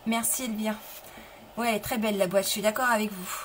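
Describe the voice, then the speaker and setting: A woman's voice: medium pitch, steady tone, fairly quick, a little hiss or hum, low-quality recording. A middle-aged woman running a live papercraft tutorial, chatting casually, restarting sentences and answering viewers as she shows her materials. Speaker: papercraft demonstrator. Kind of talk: live-stream craft tutorial.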